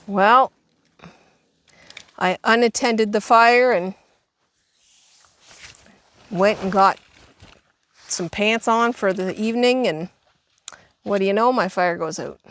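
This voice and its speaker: A woman vlogging casually at a backcountry campsite, chatty and quick to laugh, filming on a handheld camera. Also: medium pitch. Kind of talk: casual camping vlog chat. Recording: outdoor clip with steady background noise.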